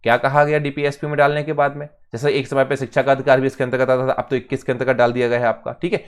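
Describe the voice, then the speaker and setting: A man's voice: medium pitch, little pitch movement, very fast, clear, resonant tone. A man teaching an exam-prep lecture in Hindi, posing questions and answering them himself, often checking in with "ठीक है". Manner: emphatic, with sudden bursts of loudness on key terms.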